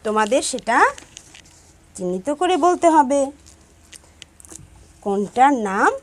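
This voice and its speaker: A woman with a Bangladeshi accent teaching young children English shapes, repeating words slowly and switching between Bengali and English. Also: on the high side, very animated, a little mellow. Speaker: primary school English teacher. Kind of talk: classroom lesson to young children.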